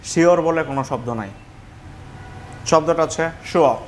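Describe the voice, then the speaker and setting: Bangladeshi teacher drilling pronunciation patiently. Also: male voice, a little high, slight background noise. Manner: explains patiently, repeats words slowly, mixes in English phrases. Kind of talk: classroom lesson.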